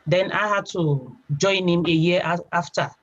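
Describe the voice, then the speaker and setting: A young adult woman with a Nigerian accent, a guest telling her story in a chatty, relaxed way, often saying "you know". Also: on the low side, normal speed. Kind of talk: casual interview. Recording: slightly dull lo-fi sound.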